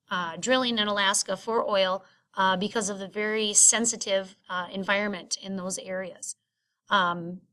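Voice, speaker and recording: Bright female teacher narrating a screencast lesson. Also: medium pitch. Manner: halting, pauses often mid-sentence to search for words. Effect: screencast lecture voice-over. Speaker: science teacher. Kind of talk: recorded lecture narration.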